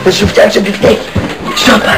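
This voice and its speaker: In a comedy sketch, a man with a high, level-toned voice plays a weary, fussing middle-aged mother, scolding in an exasperated way. Music plays in the background.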